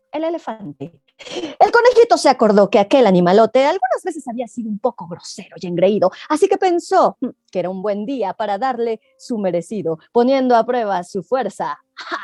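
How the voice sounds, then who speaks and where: A woman storyteller with a high, very lively voice tells a children's tale with playful asides to her audience. The recording is dry and close, with faint music at times. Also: no echo. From Mexico. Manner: expressive, playful, addresses the audience. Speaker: oral storyteller, guest. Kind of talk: interview talk and oral storytelling.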